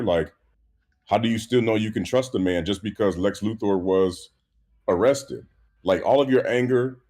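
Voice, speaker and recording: A man co-hosting a podcast in casual chat, ranting in an animated, profane way with lots of restarts. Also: fairly low pitch. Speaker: podcast co-host.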